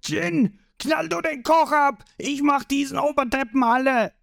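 A man voicing a boastful, hot-tempered male pirate boss who shouts and mocks, in a read-aloud manga story. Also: on the high side, sing-song, slow, vocal fry, no echo, studio quality, voice pushed up, full character voice. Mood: blustering. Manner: blustering, shouting, mocking.

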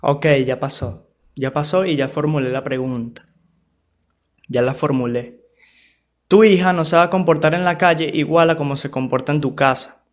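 A man with a somewhat high voice speaks straight to the camera. He gives blunt, casual advice to parents and teens, peppered with slang and swearing. He keeps checking that the listener is with him. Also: normal speed. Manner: frank and loose, with street slang and swearing; talks straight to the listener, asking for agreement.

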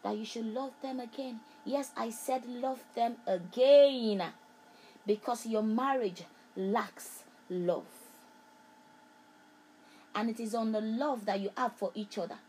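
A woman's voice: medium pitch, unhurried, a little mellow, a little hiss or hum, poor audio. A woman preaching a prophetic sermon, repeating phrases with emphatic, rhythmic delivery. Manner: repetitive, emphatic, preacher's cadence.

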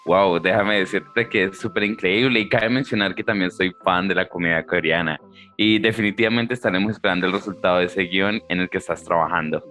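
A man's voice: deep voice, brisk, sharp tone. A man from Colombia co-hosting a podcast, talking with enthusiasm and often saying wow. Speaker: podcast co-host. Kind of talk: semi-scripted podcast chat.

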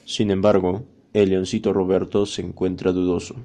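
A man with a deep, gravelly, dark voice narrating a children's fable. He reads in a calm, measured way.

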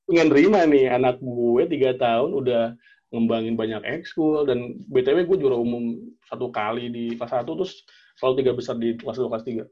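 A young man tells a personal story in casual chat, animated and acting out the dialogue with lots of slang and fillers. His voice is medium-pitched and brisk, and the highs are cut off.

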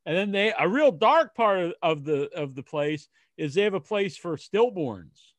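An American man chatting casually as a podcast co-host, telling things in a rambling, halting way with false starts. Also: high voice, expressive, no echo. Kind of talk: casual chat.

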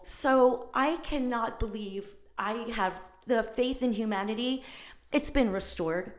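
Gushing, chatty woman podcast host. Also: on the high side. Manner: gushing, chatty, self-interrupting. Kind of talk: casual solo podcast monologue.

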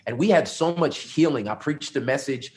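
A man's voice: medium pitch, animated, normal speed. A middle-aged man, a lead pastor, answering interview questions in an earnest, reflective way with frequent ums.

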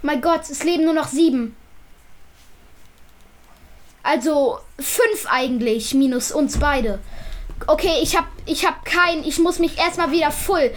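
Gaming host: excitable woman with a high voice, rapid repeated words.

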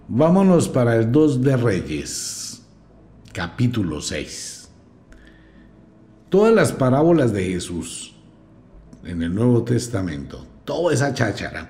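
A man's voice: medium pitch, measured pace. A man, hosting a podcast and reading scripture aloud with blunt, mocking commentary. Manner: mocking, blunt, lively storyteller. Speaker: podcast host. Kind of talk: scornful commentary with Bible reading.

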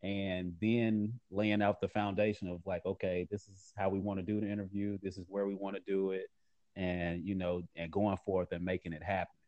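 Low-voiced man answering interview questions earnestly. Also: little pitch movement, normal speed, a little mellow, no echo, lo-fi sound. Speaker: magazine editor and founder being interviewed.

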